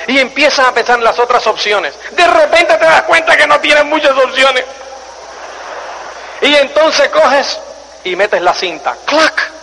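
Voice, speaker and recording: Man, motivational speaker, high voice, acts out stories, faint background noise. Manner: animated storytelling, acts out scenes and voices; repeats phrases for emphasis, asks the audience questions. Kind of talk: motivational talk to an audience. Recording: long hall reverb, faint noise.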